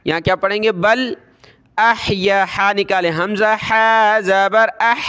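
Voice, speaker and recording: Man, Quran recitation teacher, high voice, steady flat delivery, spells out letters, slow chanted verses. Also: clear, resonant tone. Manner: spells out letters and vowel marks, then recites slowly.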